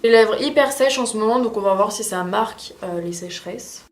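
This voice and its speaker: A woman speaks briskly in a mid-range voice as a beauty vlogger, chatting casually while testing makeup and rambling with frequent hesitations. The casual tutorial chat is recorded in an echoey room with faint music.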